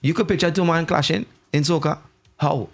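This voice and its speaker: A man's voice: a little high, a little fast, gravelly. A man from St Vincent with a Vincentian accent, chatting casually and giving his opinions emphatically, repeating phrases to press his point. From St Vincent, Caribbean. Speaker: talk show guest. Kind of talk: casual, animated opinion talk.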